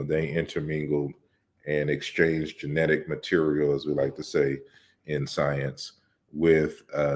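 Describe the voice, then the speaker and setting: A man hosting a casual livestream Q&A, reading out viewer questions and answering them in a relaxed, lecturing way with many fillers and restarts. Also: rumbling low. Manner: explains at length in a measured, lecturing way. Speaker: host of an open discussion livestream.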